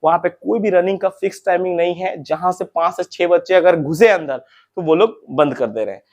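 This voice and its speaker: Fast-talking, high-pitched young man. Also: darkish tone. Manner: fast, chatty, repeats points for emphasis; addresses viewers as friends and brothers. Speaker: recruitment info channel host. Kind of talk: informal advice talk to viewers.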